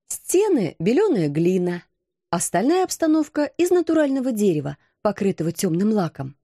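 A woman reading a first-person story aloud with expressive, lively intonation. Her voice is warm and mellow, and the recording sounds dry and close. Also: medium pitch, no room sound. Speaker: audiobook narrator.

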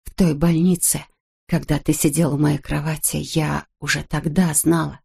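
A woman voicing a gravely ill, gentle wife who speaks slowly and softly, short of breath. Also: deep voice, flat delivery, exaggerated voice. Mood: gentle, weak. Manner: soft, breathy, slow.

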